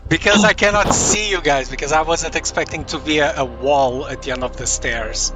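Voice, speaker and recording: A man's voice: on the high side, moderate pace, loud music behind the voice. A man playing in a tabletop game, joking with the others. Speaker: player. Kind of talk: casual tabletop play.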